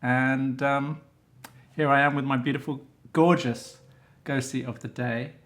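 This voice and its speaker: A man's voice: medium pitch, little pitch movement, a little slow, fairly bright tone. A middle-aged man hosting a casual interview, chatty and teasing, laughing easily. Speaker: interviewer, fashion photographer.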